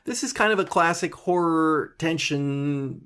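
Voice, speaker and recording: Chatty American man, slightly high voice. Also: unhurried, fairly bright tone, clear, resonant tone. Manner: chatty, rambling, with many restarts. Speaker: podcast co-host. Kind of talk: casual chat.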